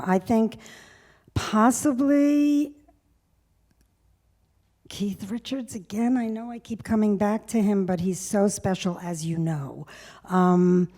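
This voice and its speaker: Woman in her 60s, onstage guest, relaxed reminiscing chatter, soft mellow timbre. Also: lowish voice. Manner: chatty, reminiscing, laughs often. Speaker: music journalist, guest. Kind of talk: onstage conversation. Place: stage before a live audience.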